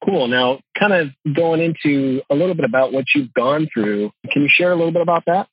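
Casual male host, slightly raised pitch, husky quick chatter, lo-fi dry mic. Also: dry recording. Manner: friendly, loose, filler-heavy questions. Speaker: podcast host. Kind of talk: casual interview hosting. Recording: dull lo-fi dry podcast audio.

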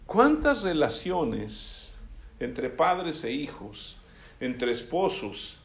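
A man preaches a sermon conversationally, often asking listeners to agree and making sure they follow. His fairly high voice swings widely in pitch and he draws out his words, in an echoey room.

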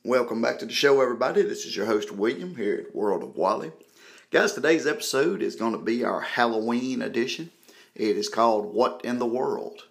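A man's voice: medium pitch, animated, brisk, creaky. A man hosting a podcast, talking casually to his listeners as he introduces the show. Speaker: podcast host. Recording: roomy echo, faint music behind.

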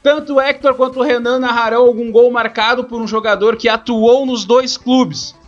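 A southern Brazilian man hosts a football show in a casual way. His voice is high, and the sound is slightly dull with music underneath. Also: fairly even intonation, moderate pace. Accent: southern Brazilian, Rio Grande do Sul. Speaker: host.

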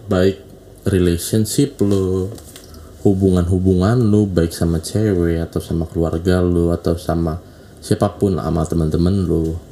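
Low, dark-voiced man giving slangy advice. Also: a little hiss or hum. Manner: slangy, preachy, repeats himself. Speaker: relationship advice talker. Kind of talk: casual monologue.

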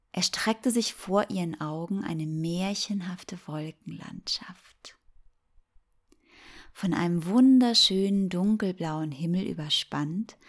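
Slow, low-voiced woman narrating sleep stories. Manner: soothing, gentle, unhurried sleep-story delivery. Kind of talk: slow, calm scripted bedtime-story narration.

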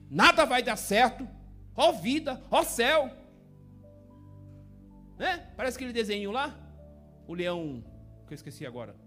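High-voiced Brazilian preacher, folksy and joking. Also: male voice. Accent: Brazilian Portuguese. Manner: folksy, joking preacher who keeps asking the listener "tá entendendo?". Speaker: pastor. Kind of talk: informal sermon to a congregation.

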